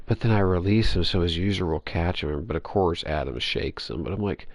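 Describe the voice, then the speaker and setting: A man's voice: low voice, brisk, no echo. A man chatting casually while playing an online game, rambling and swearing freely with lots of restarts, over a headset mic. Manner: rambling, profane, with frequent restarts. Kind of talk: casual gaming chat. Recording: dull, dry lo-fi mic audio.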